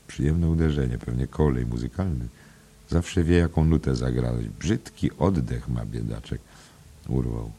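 Male audiobook narrator with a very deep voice, unhurried and expressive; he lifts his tone for characters' speech. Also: gravelly, husky. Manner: expressive, shifts pitch and loudness for characters' lines. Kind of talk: literary audiobook reading.

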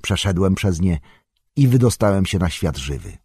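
A man voicing a grave, commanding old male wizard in an audiobook, speaking in a husky, measured, solemn way. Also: low-pitched, very animated, warm tone, no echo, full character voice. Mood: resolute. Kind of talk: audiobook character reading.

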